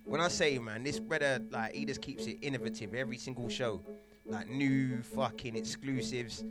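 A man's voice: medium pitch, steady tone, moderate pace. A man with a London accent hosting a music radio show in casual, sweary slang, repeating his phrases. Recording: loud music behind voice.

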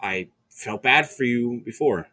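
A young man telling a profane bar story in casual chat, getting loud when heated. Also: medium pitch, unhurried.

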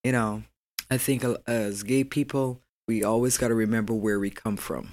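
A woman's voice: rumbling low, fairly even intonation, normal speed, a little mellow. A woman, a podcast guest talking in a proud, emphatic way. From Barbados. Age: 40s. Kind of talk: casual interview chat.

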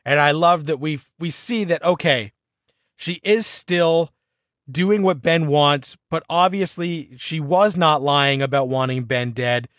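A man co-hosting a casual TV recap chat, talking with eager, animated enthusiasm. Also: on the high side, measured pace, no room sound, clean studio sound. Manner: enthusiastic, animated fan talk. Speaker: podcast co-host.

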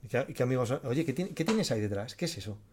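A man with a Spain Spanish accent co-hosting a casual podcast, lively and jokey, swearing freely. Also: mid-range voice, very fast, background noise. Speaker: podcast co-host. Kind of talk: casual chat.

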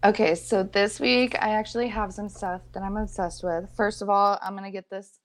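A young woman podcast co-host with vocal fry, chatting casually and self-deprecatingly while sick, in bubbly slang. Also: mid-range voice, fairly even intonation, moderate pace. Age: young adult. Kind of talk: casual chat.

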